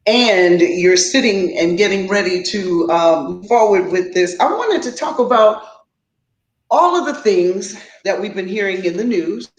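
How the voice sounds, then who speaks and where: A woman's voice: mid-range voice, expressive, a little slow, reverberant, lo-fi sound. A woman hosting an interview, asking chatty, encouraging questions. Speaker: talk show host.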